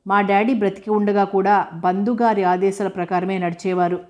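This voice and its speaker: A woman's voice: mid-range voice, flat delivery, moderate pace, darkish tone, natural voice. A woman reading the part of an ashamed, troubled young woman in an audiobook, in an earnest, pleading voice. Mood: subdued.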